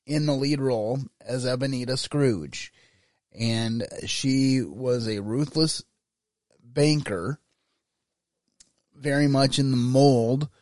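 A man's voice: mid-range voice, no room sound. Man presenting film picks, dry close sound. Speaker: host. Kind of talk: informal scripted-feeling review commentary.

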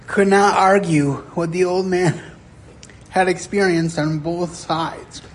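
A man in his sixties preaching a sermon in a chapel, telling stories earnestly with deliberate pauses. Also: sits high, fairly even intonation. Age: 60s. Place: chapel sanctuary.

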